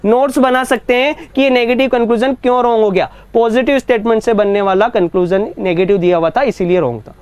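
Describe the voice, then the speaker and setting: A man teaching an online reasoning class, often asking whether students have understood and reading statements out slowly. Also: high-pitched, a little mellow, clean tone. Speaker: exam coaching teacher.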